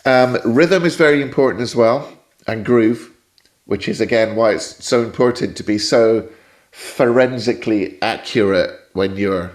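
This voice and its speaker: Unhurried and mid-range in pitch, a Scottish man with a British accent appears as a guest on a podcast. As a jazz saxophone teacher, he answers questions thoughtfully and at length, meandering into tangents.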